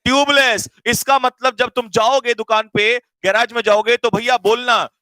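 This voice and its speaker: A man teaching an online English grammar class, quizzing students rapid-fire in a teasing, energetic way. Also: very high-pitched, no room sound, low-quality recording.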